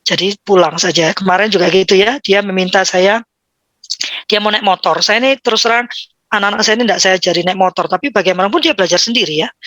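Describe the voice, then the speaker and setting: A woman in her fifties giving an informal talk on parenting, lively and acting out the voices of children and parents. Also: mid-range voice, quick pace, dry recording. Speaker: parenting speaker.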